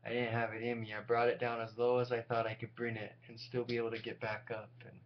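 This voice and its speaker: A tired, sleep-deprived vlogger in his forties talks fast and flat in a mid-range voice, rambling candidly and poking fun at himself for viewers. The lo-fi recording sounds dull, with a loud hum underneath.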